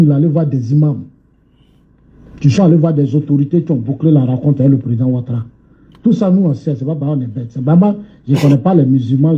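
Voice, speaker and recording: Man on a tinny phone line. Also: medium pitch. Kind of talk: recorded phone message.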